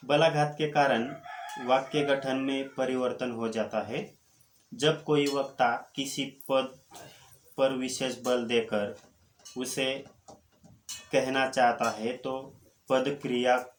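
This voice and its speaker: A man giving a college Hindi lecture, explaining step by step in a deliberate way, with frequent pauses and fillers. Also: medium pitch. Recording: echoey room with faint noise.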